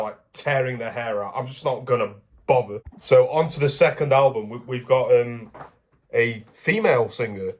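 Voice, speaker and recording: A man from England talking casually to camera in a vlog, rambling and correcting himself as he goes. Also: mid-range voice. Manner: rambling, chatty, self-correcting. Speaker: vlogger.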